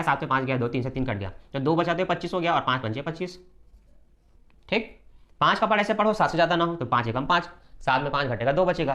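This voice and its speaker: Fast-talking man teaching math. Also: fairly high pitch, fairly bright tone. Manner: brisk, repetitive, often checks "simple" and "okay". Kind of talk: step-by-step classroom math lesson.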